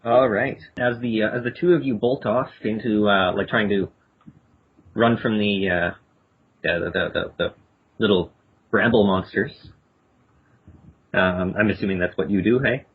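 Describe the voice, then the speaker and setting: A man narrating a tabletop game as game master, halting and repeating words as he describes the scene. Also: lowish voice, fairly even intonation, breathy edge. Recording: tinny phone-like podcast audio.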